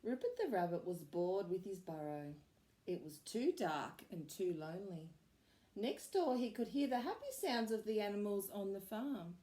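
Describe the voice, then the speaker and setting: A woman preschool teacher reading a picture book aloud to children, gentle and expressive. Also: medium pitch. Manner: gentle, slow, expressive storytelling.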